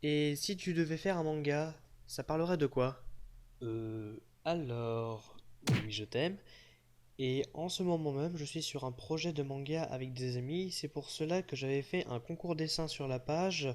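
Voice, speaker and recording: A man's voice: a little high, background noise. A young man casually answering fan questions in a voice-over, joking and teasing with mock-serious asides. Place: unseen voice-over.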